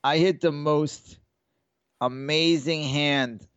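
A man's voice: a little high, fairly even intonation, takes it slowly, fairly bright tone, clear, resonant tone, dry recording, lo-fi sound. A man co-hosting a podcast, telling rambling, profane stories and acting out the people in them. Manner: rambling storyteller, swears freely, acts out quotes. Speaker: podcast co-host. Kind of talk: casual sports betting chat.

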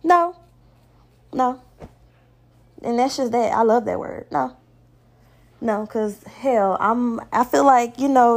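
Young woman, fairly high voice, blunt and profane solo podcast host. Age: young adult. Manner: blunt, profane, preachy advice-giving. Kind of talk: casual solo podcast monologue.

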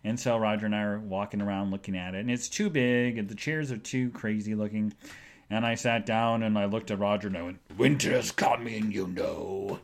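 A man's voice: on the low side, a little fast. Rambling, jokey man telling stories. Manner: rambling, jokey, animated storyteller. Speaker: podcast host. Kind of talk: casual storytelling monologue.

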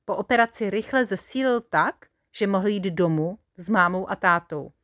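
A woman reading a children's story aloud in a playful, expressive, confiding way. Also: medium pitch.

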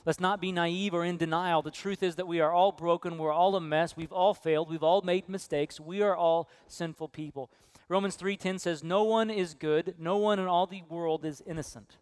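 A man's voice: sits high, fairly even intonation, normal speed, clear, resonant tone. Guy preaching a sermon, earnest, clean dry sound no room echo. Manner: earnest preaching, storytelling with hushed quoted voices. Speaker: pastor. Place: church sanctuary.

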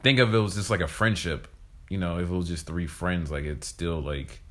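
A man's voice: deep voice, moderate pace, a bit bright. A man with a Southern US accent, co-hosting a podcast in casual chat and talking around his points with lots of fillers. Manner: rambling, talks around things with many fillers. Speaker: podcast co-host.

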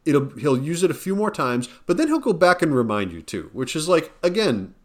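A man's voice: fairly high pitch, very animated, fairly quick. A man co-hosting a casual podcast conversation about books, talking emphatically and repeating words as he builds his points. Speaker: podcast co-host discussing books. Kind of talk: casual chat.

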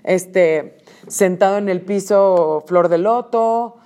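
A woman's voice: mid-range voice, dark tone. A woman, teaching a group in a conversational way and acting out short quoted lines. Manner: conversational, acts out quick quoted voices. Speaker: workshop facilitator. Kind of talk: teaching a group about emotions.

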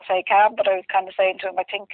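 A woman's voice: medium pitch, flat delivery, fast talker, dry recording. A woman with a west of Ireland accent, telling a personal story casually and candidly in a rambling, conversational way full of filler phrases. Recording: muffled, dry phone-like line.

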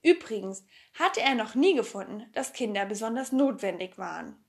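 A woman narrating a children's story in a lively, expressive reading. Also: medium pitch, normal speed, creaky. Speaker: audiobook reader.

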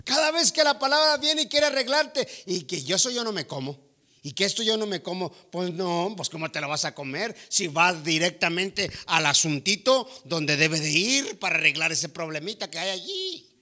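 A man's voice: high voice, animated, moderate pace, bright, forceful tone. A man preaching a sermon to a congregation, speaking emphatically, calling listeners brother and asking them rhetorical questions.

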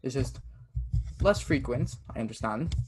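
A young Canadian man chats casually as a podcast guest, rambling with lots of "like" fillers and acting out quoted texts. His mid-range voice is expressive and a little slow, with a noisy background behind him.

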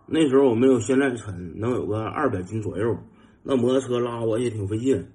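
A young man with a Northeastern Mandarin accent telling a funny anecdote in a lively, casual way, mimicking engine noises and chuckling. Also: medium pitch, fairly quick. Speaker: storyteller.

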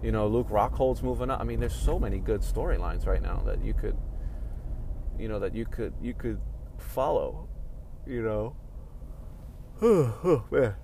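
A man's voice: lowish voice, fairly even intonation, fairly quick, background noise. A man talking casually at home about fight news, rambling and yawning as he goes. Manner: rambling, yawning, laid-back. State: sleepy, yawning. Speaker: MMA commentary vlogger. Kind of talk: casual solo talk. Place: home room with sunny window.

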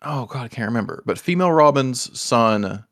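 A man co-hosting a casual video game podcast, talking animatedly and jumping into high excited voices when he quotes himself. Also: moderate pace. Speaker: podcast co-host. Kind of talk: casual podcast chat about video games.

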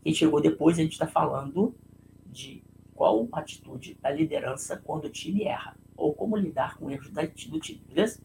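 A man's voice: fairly high pitch, moderate pace, gravelly, dark tone, slight background noise, poor audio. A man with a Brazilian Portuguese accent giving a conversational leadership talk on a live stream, telling a personal story and checking in with listeners through frequent tag questions.

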